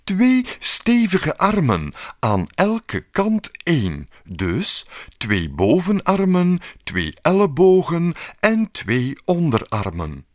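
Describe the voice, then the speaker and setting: A man's voice: wildly swooping pitch, slow pace, no echo, clean studio sound, full character voice. Strenge koningin met hoge, felle stem, gespeeld door een man, voor een kinderverhaal. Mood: stern. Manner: strict and exasperated, rising high. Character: stern, bossy queen.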